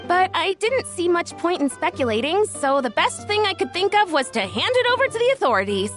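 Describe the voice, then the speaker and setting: High and lively, a young woman's voice tells a story in video game dialogue, rising and falling expressively, fairly quick and heavily acted. She sounds chatty, a touch flustered, friendly and earnest throughout, with soft game music humming faintly underneath.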